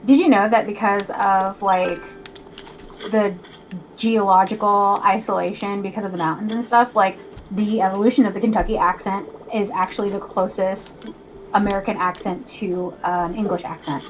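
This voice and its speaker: Young woman, Ohio accent, casual streamer chatter, tangent-happy, mid pitch, faint hiss. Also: fairly even intonation, moderate pace, poor audio. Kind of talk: casual chat while gaming.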